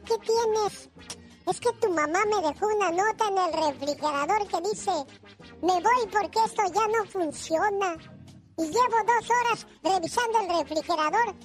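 A cheeky little boy full of jokes, voiced by a man, squeaking in a very high childlike voice. The comedy radio sketch plays over music. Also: normal speed. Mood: joking. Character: cheeky young boy Pecas telling jokes.

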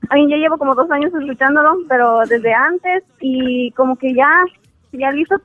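A woman's voice: sits high, moderate pace, no room sound. A woman calling an advice show in casual, American-accented Spanish, hesitant and searching for her words. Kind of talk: casual conversation. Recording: tinny narrowband phone call.

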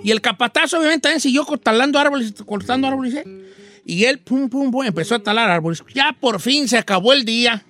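A man's voice: very high voice, fairly quick, sharp tone, faint music behind. A man with a Mexican accent hosting a morning radio show, telling a folksy joke story full of slang and asides to the listeners.

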